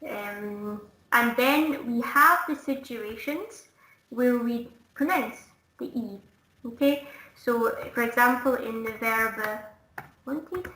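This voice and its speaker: A Scottish woman teaches English in a one-to-one online lesson from indoors, patiently explaining and demonstrating sounds. Her fairly high voice is bright and forceful at a slow pace, and the call audio is roomy and echoing.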